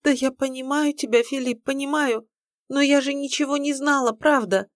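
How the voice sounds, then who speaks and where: A woman reading an audiobook, voicing a gentle, anxious young pregnant woman who pleads tearfully. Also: medium pitch, moderate pace, no echo, studio quality, pitched above the performer's own voice, close to an everyday voice. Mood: anxious pleading.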